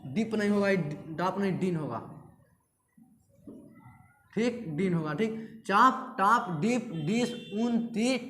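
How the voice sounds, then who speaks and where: Speaking slowly and with frequent pauses, this man has a high, expressive, fairly bright voice as he teaches a lecture class. He drills terms repeatedly and answers his own questions, recorded in an echoey space with faint background hiss.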